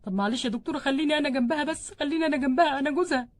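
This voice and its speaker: A woman's voice: sits high, very fast, no echo, close to an everyday voice. A woman with an Egyptian Arabic accent voicing an anxious young husband doll who frets and exclaims. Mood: worried. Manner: fretful and exclaiming.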